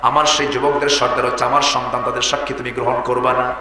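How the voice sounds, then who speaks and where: A man's voice: mid-range voice, little pitch movement, fast, pushed and bright, reverberant, in a large hall, pitched below the performer's own voice, natural voice. A man voicing a dignified caliph who feels wronged, speaking earnestly within a sermon. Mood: indignant.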